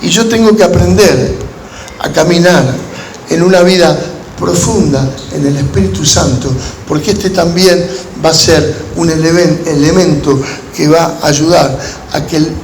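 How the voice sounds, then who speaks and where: A man with an Argentine accent and a distinctly high voice gives a sermon full of stories to an audience of pastors. He takes a measured, pausing approach, and the church conference hall adds echo and a faint layer of background noise.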